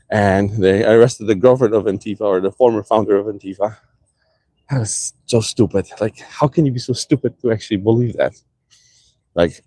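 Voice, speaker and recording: A man's voice: mid-range voice, dark tone, no room sound. A man with a slight accent, ranting heatedly and profanely in a casual vlog, talking from his car. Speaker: vlogger.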